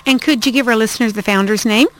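A woman's voice: fairly high pitch, quick pace, rough recording. A woman hosting an interview, asking conversational questions with some hesitation. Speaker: interviewer, host.

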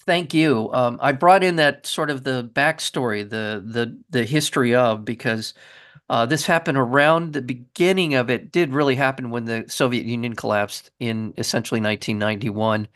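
A middle-aged man hosting a radio interview, reading a scripted intro, then asking questions in measured phrasing with frequent restarts. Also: medium pitch, a bit bright. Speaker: radio show host.

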